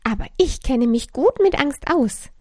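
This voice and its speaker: A woman voicing a small, timid purple creature of fear in a bedtime story, in whispered role-play, talking hesitantly and softly. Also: a little high, big pitch swings, slow pace, breathy edge, no room sound, clean studio sound, full character voice. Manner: hesitant, soft.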